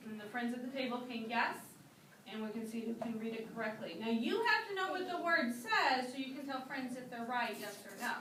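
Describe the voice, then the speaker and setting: A woman teaching a kindergarten class, drawing out words slowly so young children can repeat them. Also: fairly high pitch, animated. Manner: slow, drawn-out modeling of words. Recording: echoey classroom from far off, noisy.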